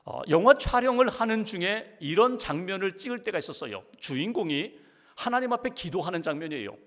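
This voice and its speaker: A man's voice: high voice, big pitch swings, brisk, fairly bright tone. A middle-aged man, a pastor, preaching a sermon with earnest conviction, at times pleading in prayer. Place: large church sanctuary. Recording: church hall reverb.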